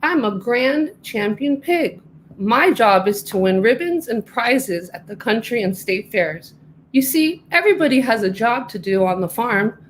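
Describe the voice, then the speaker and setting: A woman voicing a big, proud male show pig in a storybook reading, talking pompously and slowly. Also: a little high, lively intonation, slight background noise. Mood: boastful. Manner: pompous, slow and drawn-out.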